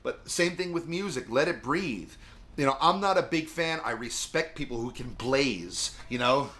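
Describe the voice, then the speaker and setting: A middle-aged man explains guitar solos in a loose, chatty way and wanders off on tangents. His voice has a bright, forward edge, and his pitch sits in an ordinary middle range. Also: expressive, normal speed, slight background noise. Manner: rambling, chatty, lots of fillers. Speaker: music teacher. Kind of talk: casual video guitar lesson.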